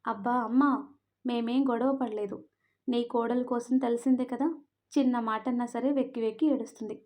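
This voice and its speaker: A woman's voice: on the high side, steady tone, normal speed, darkish tone, lightly acted. A woman voicing a young husband who teases and sounds mildly exasperated. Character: young husband, teasing and impatient.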